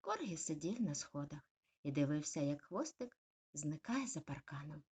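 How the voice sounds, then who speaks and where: A woman narrating a bedtime story with an expressive, softly animated reading. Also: deep voice, normal speed, slightly rough.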